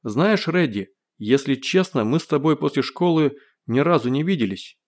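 A man's voice: medium pitch, expressive, moderate pace, lightly acted. A man playing a brash, cocky amnesiac. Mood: bemused. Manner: loud, cocky, playfully defiant. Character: brash cheerful man with lost memory. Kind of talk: audiobook character voice.

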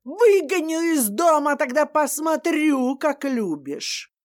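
A woman's voice: sits high, big pitch swings, takes it slowly, voice pushed up, full character voice. Woman doing a bellowing bossy mother-in-law. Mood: mock-sweet, threatening. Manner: shouting, crude, domineering.

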